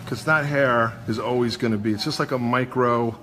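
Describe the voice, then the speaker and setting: A man's voice: medium pitch, steady tone, moderate pace. A man with a Brooklyn accent giving a casual live hairdressing demonstration, explaining informally step by step as he works. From New York, USA. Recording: noisy busy salon background.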